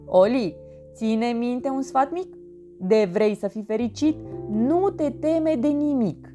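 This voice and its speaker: A woman playing a gentle mother earthworm. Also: a little high, natural voice. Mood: tender. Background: background music.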